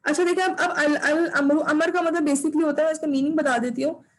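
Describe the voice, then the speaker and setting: A woman's voice: sits high, fairly even intonation, brisk, rough recording. A woman teaching an online class, patiently drilling recitation and repeating her corrections over a video call.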